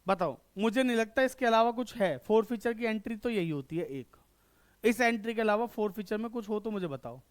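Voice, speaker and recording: A man teaches an online accountancy lesson in a very high, smooth, resonant voice. He fires quick questions at his students and answers each one himself, checking again and again that they follow. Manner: repeats checks for understanding. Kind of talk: online class lecture.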